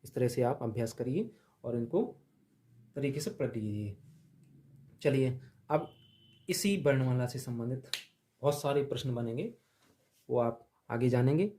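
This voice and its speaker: A male teacher in the middle of a blackboard grammar lesson. He talks at an unhurried, deliberate pace in a soft, mellow tone. He drills each letter aloud and repeats it so students can follow. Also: medium pitch, a little hiss or hum.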